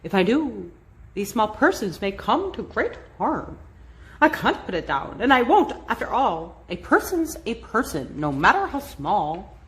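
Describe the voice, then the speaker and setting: A big, gentle elephant, as a woman reads him speaks in a kind, steady, reassuring voice. He is loyal and patient, and his voice sits a bit lower than the narration around him. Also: a little slow, low-quality recording. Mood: worried.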